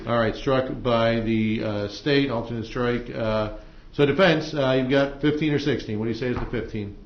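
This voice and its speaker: Presiding over a trial in an indoor courtroom, an American male judge speaks easygoingly and haltingly to lawyers and jurors, with informal instructions for the jury. His voice is mid-range, and the recording is echoey, muffled and noisy.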